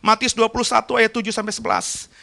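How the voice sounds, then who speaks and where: High, bright-voiced male pastor preaching. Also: fairly even intonation, fast talker, creaky. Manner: emphatic, swings from soft asides to loud dramatic crowd cries. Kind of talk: sermon.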